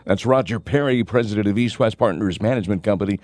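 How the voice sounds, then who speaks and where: A man's voice: lowish voice, fast, darkish tone, no room sound. A man anchoring radio news, reading scripted local stories.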